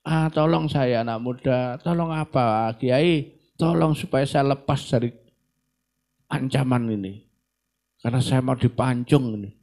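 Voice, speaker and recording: A man's voice: medium pitch, unhurried, a little mellow, lightly acted. A man voicing a condemned Islamic cleric who begs for help. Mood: pleading. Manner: pleading. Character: desperate male Islamic cleric facing execution.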